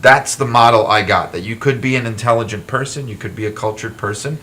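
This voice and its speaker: This author and wrestling historian has a mid-range voice and a quick pace. During a casual talk-show interview he talks animatedly, poking fun at himself and restarting often.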